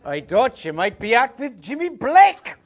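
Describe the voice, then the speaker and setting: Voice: mid-range voice, big pitch swings, unhurried. A performer playing a jealous young man, reciting a dialect verse dialogue with a blustering, reproachful manner. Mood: accusing. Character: young male country lover, jealous and hot-tempered.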